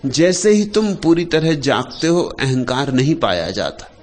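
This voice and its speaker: A man giving a spiritual discourse, speaking slowly with long pauses, dropping to soft low phrases and rising to loud emphatic ones. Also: lively intonation, a little hiss or hum. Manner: slow, unhurried delivery with long pauses and lists. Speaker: spiritual teacher.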